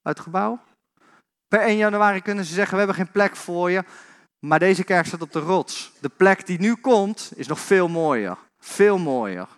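High-voiced man preaching informally. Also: lively intonation, normal speed. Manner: conversational, addresses congregation directly, many repetitions and restarts. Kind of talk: informal sermon. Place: church hall.

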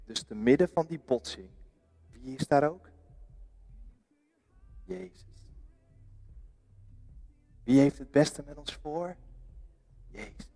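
A man's voice: mid-range voice, lively intonation, measured pace, pauses often, dark tone, in a large hall, soft background music. A Dutch man preaching a sermon in a church, earnest, asking his listeners questions and answering them himself. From Netherlands.

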